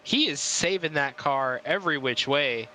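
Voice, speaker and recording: A man's voice: fairly high pitch, lively intonation, normal speed, bright, forceful tone, a little hiss or hum, poor audio. A man giving casual color commentary on a sim race, joking and laughing often.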